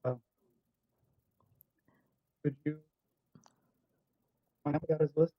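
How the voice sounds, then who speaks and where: A man's voice: fairly high pitch, steady tone, slow, no room sound. A man speaking as an agent from a remote call, his voice cutting in and out as he strains to speak up. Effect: voice cutting in and out over a bad connection. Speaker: agent for an applicant. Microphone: joining remotely over a video call. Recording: tinny dry call line breaking up.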